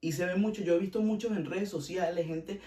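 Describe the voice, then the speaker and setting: A man's voice: sits high, steady tone, a little fast, mellow, echoey room, distant mic. A man with a Venezuelan accent hosting a casual podcast, giving blunt opinions and repeating himself for emphasis. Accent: Venezuelan Spanish. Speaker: podcast host.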